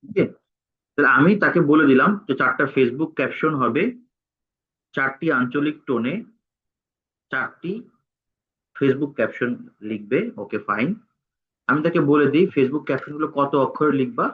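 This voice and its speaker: Halting man on a tinny line. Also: mid-range voice, slightly rough. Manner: halting, dictates word by word while typing. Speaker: instructor. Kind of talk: screen-recorded tutorial. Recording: tinny phone-like sound.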